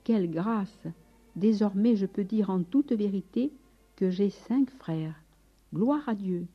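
A woman reading aloud the lines of a frail, fervent old male saint in a storybook, with a slightly husky voice on a dull recording. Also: mid-range voice, slow pace, soft background music. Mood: joyful. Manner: fervent, exclaiming.

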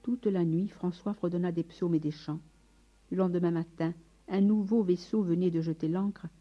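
A woman narrating a story aloud in a measured, expressive manner. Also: fairly low pitch. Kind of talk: audiobook narration. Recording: dull lo-fi recording. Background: faint music.

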